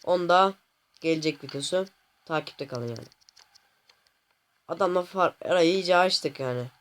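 A man hosting a gaming channel, commenting casually on his gameplay to viewers, often exasperated and complaining out loud at the game. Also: fairly high pitch, a little slow. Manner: talks to viewers directly.

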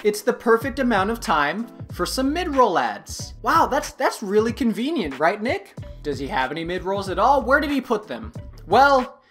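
A woman hosts a sarcastic commentary video and sounds exasperated and mocking. Her voice has an animated, bouncy melody at a middle pitch, with faint music under it. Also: normal speed. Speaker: commentary youtuber host.

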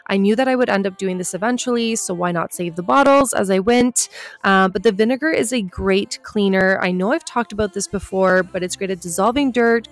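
A woman in her thirties narrating a home cleaning vlog in a casual, chatty voice-over with lots of fillers. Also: medium pitch. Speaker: vlogger.

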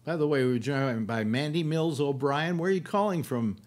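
A man's voice: fairly high pitch, brisk, a little mellow. An older man hosting a casual panel chat on a video call, opinionated and full of questions. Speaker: host of a live panel show. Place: book-lined room at home.

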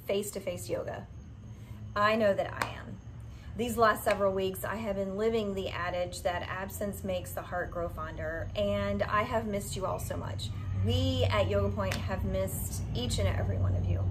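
A woman's voice: medium pitch, noisy background. A woman in her forties, a yoga studio owner, giving a heartfelt direct-to-camera update from a covered outdoor patio, recorded on a camera at arm's length. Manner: warm, heartfelt, earnest.

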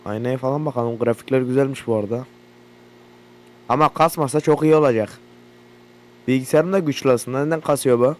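A young Turkish gaming YouTuber plays a horror game, reacting loudly, jumpily, and with plenty of profanity while a generator hum from the game plays behind him. His voice is mid-range and fairly quick, broken by long pauses.

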